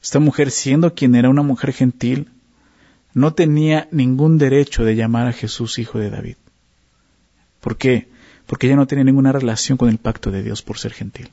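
A man's voice: mid-range voice, darkish tone. A man teaching a Bible study in a conversational way, often asking listeners to follow along in the text. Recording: dull lo-fi recording.

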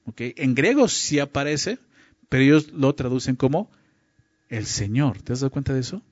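A man's voice: mid-range voice, expressive, normal speed, dry recording, highs cut off. A man giving a Bible teaching as a pastor, reading verses aloud and often checking in with the listener through rhetorical questions. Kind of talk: sermon teaching.

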